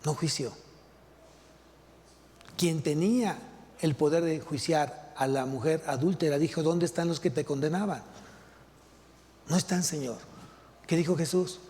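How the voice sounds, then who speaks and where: A man's voice: fairly high pitch, steady tone, unhurried, pauses often, a little mellow. A male pastor with a Mexican Spanish accent preaching a sermon, asking rhetorical questions and repeating key phrases. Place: large church hall. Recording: long hall reverb.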